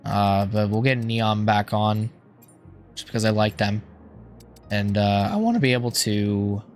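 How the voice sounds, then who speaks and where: A man with a hoarse, strained voice giving casual, rambling gameplay commentary, thinking aloud in an informal way. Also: lowish voice, a little slow, darkish tone, soft background music. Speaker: gaming YouTuber.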